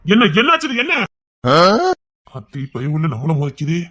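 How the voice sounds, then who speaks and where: A man playing a father in a family comedy skit, talking in an exasperated way and calling out loudly. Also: fairly high pitch, wildly swooping pitch, normal speed, exaggerated voice. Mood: puzzled.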